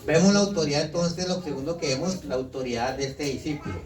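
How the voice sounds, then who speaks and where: A Colombian man preaching in a lively voice, somewhat high for a man. He sits back from the mic in a roomy, echoing hall, and a congregation can be heard around him. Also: fast, a crowd in the background. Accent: Colombian Spanish. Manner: lively preaching, teasing the congregation with questions and mock quotes. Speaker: visiting pastor. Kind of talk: sermon. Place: church hall. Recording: echoey hall, mic far off, congregation audible.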